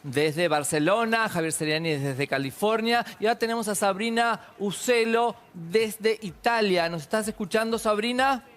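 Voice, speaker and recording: A man hosting a live news interview, asking quick, emphatic questions. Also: high-pitched, fairly bright tone. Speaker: news host.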